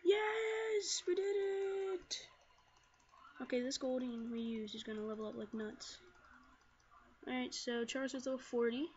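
A woman hosting a gaming video, excitably commenting on her battles and shouting commands at her team. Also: on the high side, a little fast. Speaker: gaming channel host. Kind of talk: Let's Play commentary. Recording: dull lo-fi mic with faint noise.

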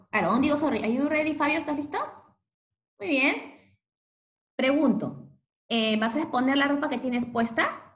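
Female teacher for an online class, slow and deliberate, slightly high voice, echoey room, mixes two languages, keeps checking in with "ok". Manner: switches between English and Spanish, repeats "ok" often.

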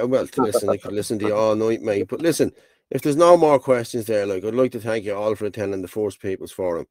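A man's voice: mid-range voice, darkish tone, no echo. Casual male forum host, dry sound. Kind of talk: closing thanks to attendees.

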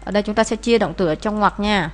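A woman's voice: medium pitch, fast talker. A woman, teaching as she explains answers to an English test, with many "à" fillers. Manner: frequent "à" fillers, steady explaining.

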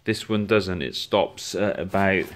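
A man's voice: sits low, a little slow. A man giving a casual, chatty walkthrough of his outdoor gear, filmed on a handheld phone camera indoors at home. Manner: chatty, relaxed, with frequent restarts. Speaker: gear reviewer.

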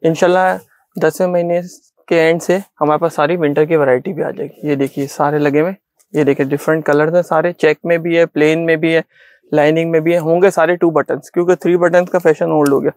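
A middle-aged man with a Pakistani Urdu accent, a shopkeeper giving a sales pitch in a small clothing shop, repeating himself insistently as he shows coats. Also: steady tone, brisk, a little mellow, no room sound, clean studio sound. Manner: repetitive, insistent salesman patter.

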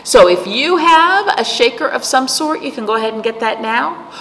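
The echoey library room, with audible background noise, frames a middle-aged librarian seated against a patterned wall for children's storytime. She reads aloud and chats with the little ones using simple words and questions, her fairly high, slightly bright voice expressive and moderately paced.

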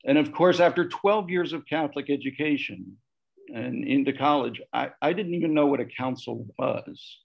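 A man tells a story from his own life in an unhurried, reflective way, and his voice turns livelier whenever he quotes someone. His pitch sits in the middle range. The sound is dull and lo-fi. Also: creaky, breathy edge. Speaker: panel guest sharing memories. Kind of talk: personal storytelling. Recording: muffled lo-fi audio.

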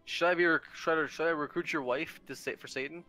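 Male co-player, rapid delivery, bright tone, joker of the group. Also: on the high side, steady tone, soft background music. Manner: joking, provocative. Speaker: co-player in a multiplayer game. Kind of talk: casual gaming chat.

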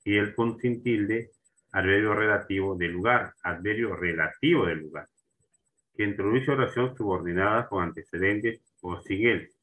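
This grammar teacher's voice is on the low side with a fairly bright tone, captured in a low-quality recording. Slow and repetitive, he restarts words, repeats terms, and keeps checking that his students agree.

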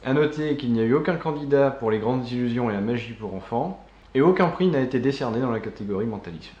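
A relaxed man co-hosts a casual magic news show. He rambles a little and fills gaps with small sounds. His voice sits in an echoey room, and the recording is dull and muffled. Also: medium pitch, fast talker. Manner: loose and chatty, many fillers. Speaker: co-host.

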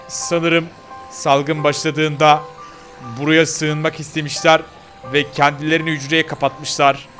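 A man's voice: fairly high pitch, fairly bright tone. A man voicing a brave, determined young girl in a game role-play, bossy and urgent as she scolds her companion.

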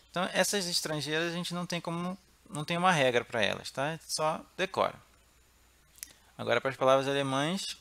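A man from Brazil with a Brazilian Portuguese accent, teaching pronunciation slowly, repeating words and checking in with the viewer. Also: medium pitch, bright, forceful tone. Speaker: German teacher. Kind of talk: pronunciation lesson.

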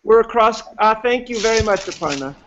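A man's voice: sits high, expressive, fairly quick, noisy background. A man running introductions for an online class, talking hesitantly with many fillers and restarts over a video call. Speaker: course instructor. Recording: dull lo-fi online call audio.

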